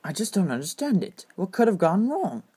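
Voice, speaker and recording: Brief: woman voicing toys, husky, animated, many voices. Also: medium pitch, brisk. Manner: shifts between many character voices. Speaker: toy story performer. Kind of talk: home-made toy story voicing.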